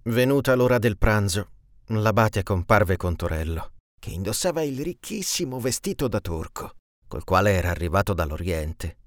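A man reads a classic tale aloud in a low voice. His intonation swings widely as he tells it. The recording is dry and close, with no room sound. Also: very animated, normal speed, no room sound. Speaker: storyteller.

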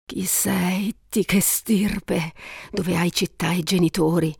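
A woman reading the part of a cunning enchantress goddess, soft and hushed, drawing the listener in. The voice is a little low and dry, close to the mic. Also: steady tone, slow, creaky, husky, no room sound, exaggerated voice. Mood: astonished.

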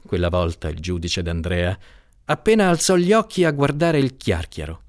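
Expressive male story reader. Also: sits low, dry recording, clean studio sound. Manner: expressive, dramatic reading. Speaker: narrator. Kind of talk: reading a literary short story aloud.

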